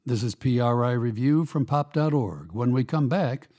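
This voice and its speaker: With a warm tone and medium pitch, a male radio host reads a scripted opinion piece on his commentary program. His delivery is measured, emphatic and pointed.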